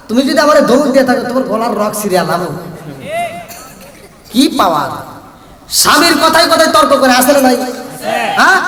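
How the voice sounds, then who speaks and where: A man with a Bangladeshi Bengali accent giving a fiery Islamic sermon, chanting, singing and shouting his lines. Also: very high-pitched. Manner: chanting, melodic and shouted preaching. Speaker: Islamic preacher. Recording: echoey hall sound from far off.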